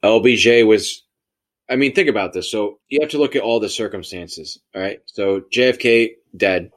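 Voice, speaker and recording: A man's voice: lowish voice, moderate pace. A man arguing a theory in a casual, conversational debate, emphatic and repeating phrases to drive points home. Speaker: podcast debater.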